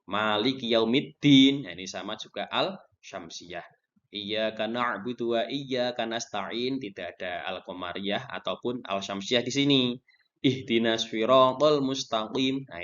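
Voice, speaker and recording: A man's voice: lowish voice, pushed and bright. A man teaching a Quran recitation lesson, explaining patiently and repeating himself with frequent checks. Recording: dull lo-fi recording.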